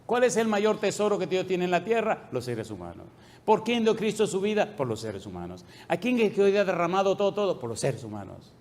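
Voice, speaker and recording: Emphatic Spanish-speaking pastor preaching. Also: male voice, very animated, a little fast. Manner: emphatic preaching with repeated questions to the congregation; drops to a soft low voice at the end of phrases. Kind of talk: sermon.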